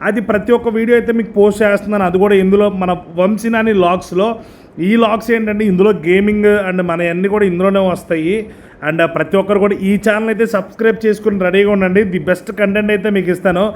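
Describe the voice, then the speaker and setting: Fast-talking, high-pitched male vlogger. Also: fairly even intonation. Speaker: vlogger and amateur cricket player. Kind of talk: casual vlog introduction to viewers.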